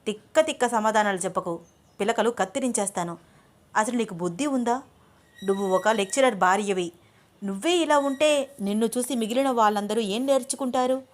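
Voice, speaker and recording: Lady doing a strict young lecturer guy, scolding and firm, fairly high voice. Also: fairly quick, lightly acted. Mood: stern. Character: stern young male lecturer, teasing husband.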